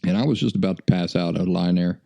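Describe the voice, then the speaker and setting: An American podcast host tells stories in a casual monologue, folksy and self-deprecating. His low, dark voice moves at a quick pace with vocal fry.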